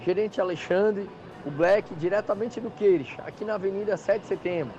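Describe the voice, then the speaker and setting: A man's voice: high voice, a little mellow. A man with a southern Brazilian accent giving an insistent hard-sell live ad as a store manager, repeating prices and deals. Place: outdoors or storefront by a busy avenue. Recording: dull outside-broadcast line, clear street noise. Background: noisy traffic.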